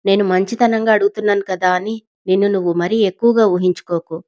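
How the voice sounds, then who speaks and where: A woman's voice: mid-range voice, steady tone, a little fast, darkish tone, dry recording, lightly acted. A woman voicing a proud, powerful matriarch who talks back angrily and arrogantly in an audio story, recorded with a dry, dull sound. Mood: tense. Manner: arrogant, angry, pleading. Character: proud powerful older woman, cornered and angry.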